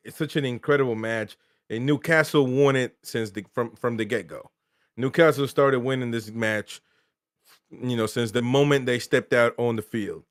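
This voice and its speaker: A man hosting a live football match reaction show, talking in an emphatic, excited way with repeated exclamations. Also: mid-range voice, clean tone, no echo, studio quality.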